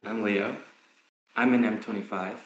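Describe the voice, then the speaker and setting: A man's voice: lowish voice, fairly even intonation, moderate pace, roomy sound, muffled recording. A young man from Canada, co-host of a podcast, leading the conversation in a friendly, upbeat way. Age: young adult. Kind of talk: casual podcast hosting.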